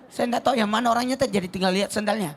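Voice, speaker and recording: A man, a cleric, giving a lively, joking answer on a religious talk show, often restarting his words. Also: sits high, rapid-fire.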